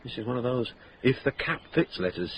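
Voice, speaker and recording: A shrewd, urbane police inspector in his fifties, played by a man in a radio drama, measured and dryly courteous. His mid-range voice moves lively up and down, with a faint hiss underneath. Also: mid-range voice, lightly acted, low-quality recording. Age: 50s.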